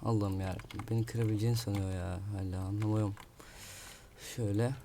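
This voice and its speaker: Keyboard clicks and typing sit behind this man's brisk, fairly even delivery, with background noise present. His voice is on the low side as the gaming creator mutters through casual live commentary on his game and complains about an opponent.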